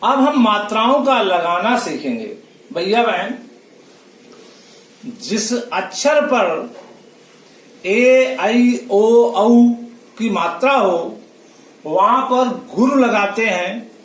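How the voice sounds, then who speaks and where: A man's voice: high-pitched, animated. A man teaching a classroom lesson, drawing out each syllable as he counts. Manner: slow, drawn-out syllables while counting. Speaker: school teacher. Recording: roomy, distant from the mic.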